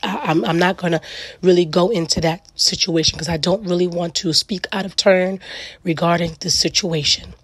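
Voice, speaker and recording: A middle-aged woman with a raspy, gravelly voice hosts a solo reflective talk, speaking earnestly and emphatically in weighty repeated phrases. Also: fairly low pitch, fairly even intonation, normal speed, no echo. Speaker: podcast host.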